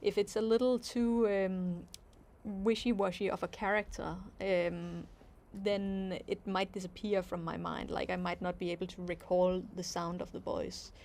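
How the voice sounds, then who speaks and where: This Danish-accented woman from Denmark has a lowish, darkish voice with little pitch movement, speaking at a measured pace over a slight hiss or hum. As an animation creator running a relaxed livestream Q&A, she reads out questions from viewers and then gives considered answers full of ums.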